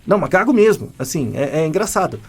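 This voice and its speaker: A man's voice: fairly high pitch, big pitch swings, fast talker, slightly rough. A man, a scientist co-host, explaining things in casual podcast chat with lots of examples and repeated words.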